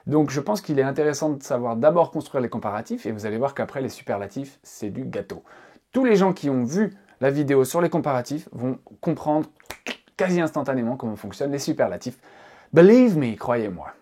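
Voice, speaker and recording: Husky, lively tutorial teacher, a man. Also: mid-range voice. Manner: lively and emphatic, slows down to stress examples. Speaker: English teacher. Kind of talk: online tutorial explanation.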